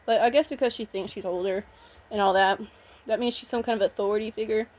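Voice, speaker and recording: A woman's voice: mid-range voice, steady tone, fast, a little mellow. A woman vlogging in a casual, blunt rant, swearing freely and sounding nervous and shaky. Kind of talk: casual ranting vlog.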